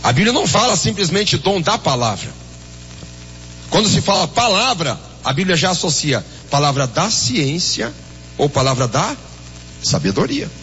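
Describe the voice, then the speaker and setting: A man's voice: a little high, sing-song, moderate pace, pushed and bright, in a large hall, a little hiss or hum, low-quality recording. A Brazilian man with a Brazilian Portuguese accent preaching a sermon as pastor, with fervent exclamations and a story told through quoted dialogue.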